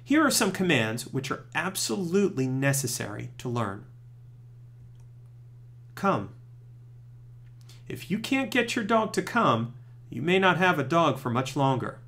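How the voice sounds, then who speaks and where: A man presenting scripted training tips, giving clear step-by-step instructions as a narrator. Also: on the high side, big pitch swings, moderate pace, fairly bright tone.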